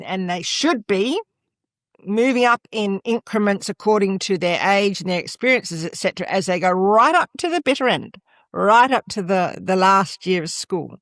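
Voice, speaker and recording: An older Australian woman who used to be a school principal speaks emphatically as an interview guest, leaning heavily on "absolutely" and "et cetera." Her voice is mid-range, recorded at studio quality with no room sound.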